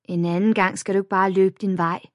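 A woman voicing a tough, loyal schoolgirl friend who talks bluntly and gruffly in a read-aloud storybook. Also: mid-range voice, flat delivery, no echo, clean studio sound, close to an everyday voice.

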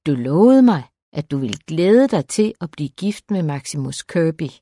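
A woman narrator voicing an older aristocratic earl, a blustering but fond father who coaxes and exclaims. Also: deep voice. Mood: coaxing. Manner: excited, coaxing.

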